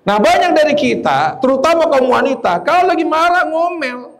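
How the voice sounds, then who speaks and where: A man preaching a lively sermon, joking and quizzing his audience. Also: very high-pitched, moderate pace. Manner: joking, teasing the audience with questions. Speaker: Islamic preacher.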